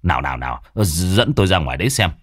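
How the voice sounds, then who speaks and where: Man doing a gruff old village chief. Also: low voice, very animated, fast talker, no room sound, clean studio sound. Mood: commanding. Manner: loud, scolding, stammers when startled. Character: older male village head, gruff and short-tempered.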